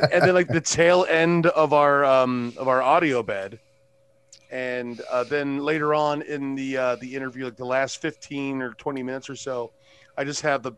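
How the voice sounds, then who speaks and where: A man's voice: mid-range voice, fairly bright tone, smooth. A man co-hosting a podcast in casual chat, rambling with lots of fillers and swearing. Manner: rambling, full of fillers and profanity. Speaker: podcast co-host.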